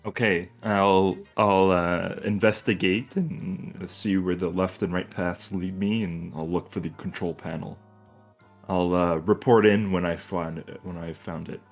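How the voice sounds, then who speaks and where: A man's voice: sits low, fairly even intonation, measured pace, soft background music. A man at a tabletop game, hesitantly describing what his character will do. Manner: hesitant, uses fillers. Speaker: player.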